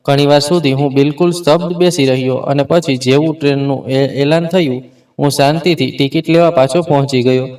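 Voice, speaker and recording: A man's voice: a little high, steady tone, fairly quick, darkish tone, far from the mic. A man telling a first-person story in an earnest way, with small restarts. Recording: voice set back from the mic.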